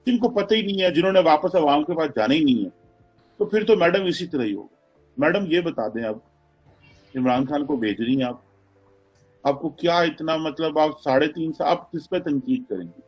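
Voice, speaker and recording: An animated man speaking as a panelist on a political talk show, his voice a bit high for a man. He fires teasing questions at the host while faint music plays underneath. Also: normal speed, slightly rough.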